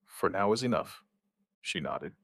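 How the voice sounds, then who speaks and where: A man voices a steady, protective outbreak survivor in scripted first-person narration for an apocalyptic audio drama, speaking in short, plain, understated sentences at a measured pace. His exaggerated voice sits low yet is animated and a bit bright. The studio-quality recording has no echo, and the mood is firm and reassuring.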